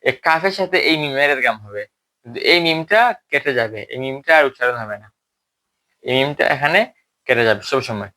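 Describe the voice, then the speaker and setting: A man teaching a recitation lesson, explaining rules step by step, checking that students follow, and slowly modeling drawn-out examples. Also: mid-range voice, animated, pushed and bright.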